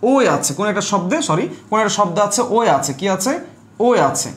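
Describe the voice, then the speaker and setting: A man teaching an online class in a high voice, repeating each rule and stopping often to ask the students if they follow. The room is roomy and echoey. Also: expressive, fairly quick, fairly bright tone. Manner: repeats rules and keeps asking students if they understood. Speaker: Bengali language teacher.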